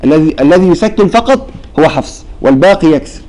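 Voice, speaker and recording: A male Quran teacher talks through a recitation lesson, his voice sitting slightly high. He lays out each point slowly and keeps asking the students if it is clear. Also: animated, darkish tone, low-quality recording. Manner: explains step by step, checks understanding with questions. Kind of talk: classroom lesson.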